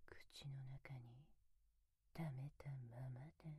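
A woman voicing a devoted, high-ranking demon butler in a whispered ASMR roleplay, speaking with extremely polite, servile formality into a close binaural mic. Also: flat delivery, slow, mellow, a little hiss or hum. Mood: seductive. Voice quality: breathy whisper. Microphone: close binaural mic, left and right ears.

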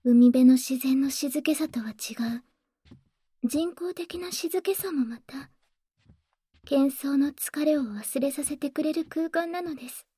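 A woman playing a gentle, devoted maid who soothes her master with formal politeness in a soft, breathy ASMR role-play. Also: high-pitched, a little slow, dry recording. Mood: calm, courteous.

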